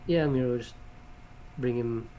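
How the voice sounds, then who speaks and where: A man's voice: mid-range voice, unhurried, mellow, lo-fi sound, slight background noise. A man chatting casually as a player in a tabletop role-playing game.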